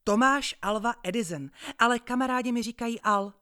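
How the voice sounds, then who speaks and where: A woman voicing an eager, cheeky boy who sells newspapers on a train, calling out loudly in a high, excited voice. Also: lightly acted.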